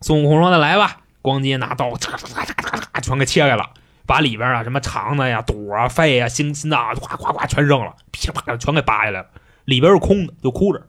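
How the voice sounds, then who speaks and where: A man retelling a classic tale in casual chat, lively and full of sound effects. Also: medium pitch, quick pace. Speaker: podcast storyteller.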